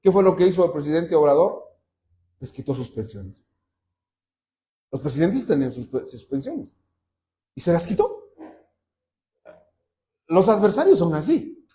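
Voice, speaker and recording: Mexican pastor preaching, voice jumps all over, kinda dark warm tone. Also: male voice, fairly high pitch, a little slow, pauses often. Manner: animated storyteller, acts out quotes. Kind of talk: sermon. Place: church pulpit.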